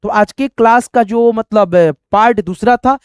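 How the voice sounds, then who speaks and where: A man's voice: high-pitched, unhurried, clear, resonant tone, no room sound, studio quality. A man teaching a spoken lesson, patiently spelling out letters one by one.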